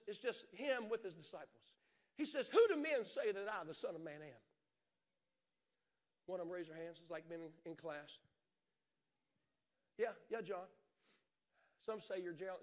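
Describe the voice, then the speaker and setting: A middle-aged man preaching an impassioned sermon on a large church stage, swinging from shouts to hushed storytelling. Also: high-pitched. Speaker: pastor.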